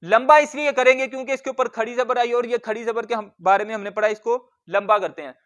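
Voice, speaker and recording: A man with a very high, crisp and ringing voice leads a word-by-word tajweed lesson. He patiently explains each rule, then sounds out the letters and words slowly, repeating them for the learner. The tone stays bright and sharp throughout. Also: fairly even intonation. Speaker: Quran reading teacher.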